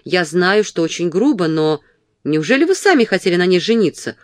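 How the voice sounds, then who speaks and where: A woman's voice: on the low side, sing-song, a little fast, no room sound, clean studio sound. A woman voicing a coquettish, spiteful young woman who teases and mocks in a sing-song way, read from a novel. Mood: mock concern. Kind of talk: audiobook character reading.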